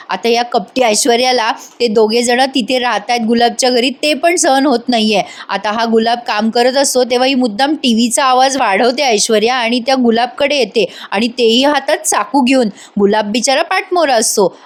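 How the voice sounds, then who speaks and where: Lady doing a chatty voice-over recap of a tv serial, high voice, talks to viewers. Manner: chatty storytelling, addressing viewers. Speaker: serial review narrator.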